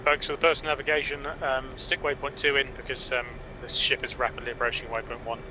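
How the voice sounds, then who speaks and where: A man's voice: medium pitch, level tone, quick pace. A man giving clipped radio calls to fellow players during a flight sim session, heard over a voice radio channel. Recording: muffled radio with loud engine noise.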